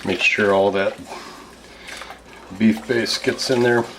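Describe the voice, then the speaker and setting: A man's voice: on the low side, steady tone, slow. A man in his fifties with an American accent, talking casually as a cooking show host and explaining each step of a recipe. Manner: explanatory, conversational step-by-step narration. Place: home kitchen, indoors. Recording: clear background noise, kitchen clatter.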